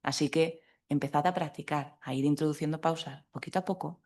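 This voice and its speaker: Woman, low voice; a communication trainer talking live to an audience, practical and direct. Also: fairly even intonation, fairly quick, darkish tone. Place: conference hall at a law association.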